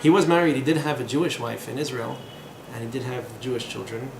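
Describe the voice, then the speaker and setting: Speaking fast with vocal fry and fairly even intonation, a man in his thirties uses a mid-range voice to teach a class in a small room. The lecture is loose, with digressions, fillers and sardonic humor, and the audio is echoey with background noise.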